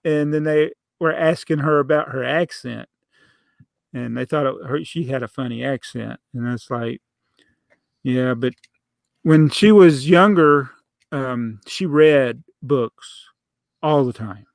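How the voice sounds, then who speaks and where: A man's voice: medium pitch, takes it slowly, vocal fry, no room sound. A middle-aged man hosting a podcast, telling rambling stories in a casual chat and laughing often. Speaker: podcast host.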